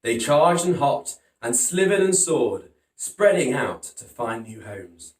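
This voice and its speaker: Very animated yet slow, a man with a mid-range voice hosts storytime, giving a children's picture book a dramatic, emphatic reading. Captured from a distance, the audio has a roomy echo.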